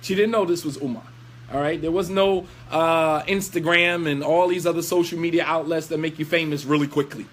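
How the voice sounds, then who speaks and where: A man with a high-pitched voice preaches with force, scolding his listeners through pointed rhetorical questions. He tells the story in plain lecture style and slips in recited Arabic phrases. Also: steady tone, fairly quick, a bit bright.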